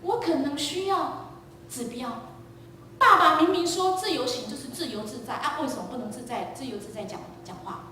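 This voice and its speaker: A woman preacher giving a sermon, telling a lively story and quizzing the congregation. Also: high-pitched, normal speed, slight background noise. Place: church sanctuary. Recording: echoey church hall, distant mic.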